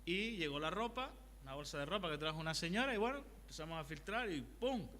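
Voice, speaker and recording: A man's voice: a little high, lively intonation, fast talker, pushed and bright, a little hiss or hum. A male pastor preaching a conversational sermon, asking the congregation questions and telling personal anecdotes. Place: church hall. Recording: long hall reverb.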